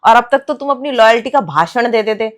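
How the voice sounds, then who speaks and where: A woman playing a young wife who confronts her cheating husband with sharp, sarcastic accusations in a comic family skit. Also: a little high, expressive, fairly quick, natural voice. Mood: accusing.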